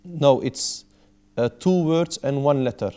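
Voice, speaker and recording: The speaker is an Arabic teacher in his thirties whose medium-pitched voice is mellow and clean, delivered at a slow pace. Inside a small classroom with a whiteboard, he teaches a language class, patiently repeating and explaining each word.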